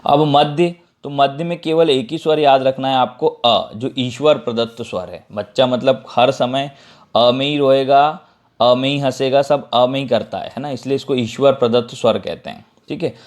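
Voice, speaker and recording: A male teacher with a Madhya Pradesh Hindi accent gives a grammar lesson. His voice sits at a middle pitch, neither high nor low. He explains each point step by step, repeats the terms, and keeps checking that the class is following. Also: moderate pace.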